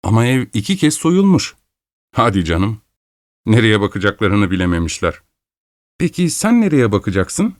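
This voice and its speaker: A man's voice: lowish voice, very animated, normal speed, no room sound, studio quality. A man voicing a curious, loyal male doctor companion who keeps asking questions in an audiobook. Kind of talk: audiobook character voice.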